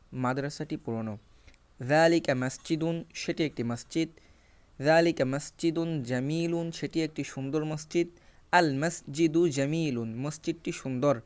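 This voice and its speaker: A man whose first language is Bengali teaches an Arabic lesson, reading examples from a textbook and explaining each rule step by step. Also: fairly high pitch.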